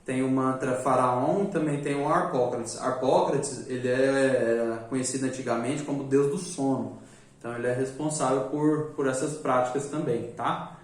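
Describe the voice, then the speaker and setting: A man's voice: medium pitch, fairly even intonation, normal speed. Chatty man teaching, echoey. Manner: joking, chatty, repeats "né?" often. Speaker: magic course teacher. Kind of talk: casual live class talk. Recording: echoey room, distant mic.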